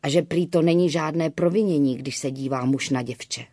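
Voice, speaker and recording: A woman's voice: low voice, warm tone, dry recording, studio quality. A woman voicing a frightened young village bride who speaks in an anxious, pleading way.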